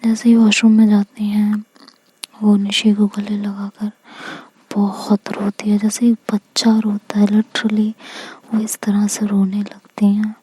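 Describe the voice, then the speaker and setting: A young woman telling a story as whispered role-play, soft, slow and gentle, voicing the characters' words under her breath. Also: mid-range voice, completely flat delivery, slightly rough, rough recording.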